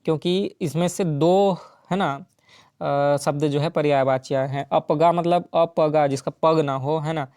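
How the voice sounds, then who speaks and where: Mellow, smooth-voiced male exam tutor. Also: on the high side, fairly even intonation, a little slow, no echo, clean studio sound. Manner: explains step by step with frequent "ठीक है" and "है ना". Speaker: teacher solving exam questions. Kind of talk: exam-prep lesson.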